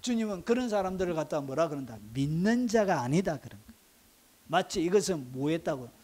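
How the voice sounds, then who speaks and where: A man's voice: a little high, lively intonation, fast talker, darkish tone. A middle-aged male pastor preaching a sermon, with emphatic rising bursts and rhetorical questions to the congregation.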